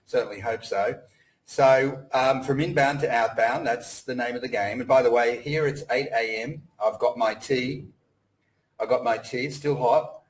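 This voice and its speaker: A man's voice: mid-range voice, fairly even intonation, moderate pace, poor audio. A middle-aged man from Australia giving a casual online presentation, rambling with lots of fillers and restarts. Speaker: webinar presenter. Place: home in Cambodia.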